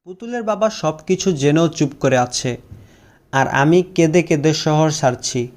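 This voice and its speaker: A man's voice: on the high side, unhurried. A young man narrating a first-person story, with a sorrowful, heartfelt storytelling manner.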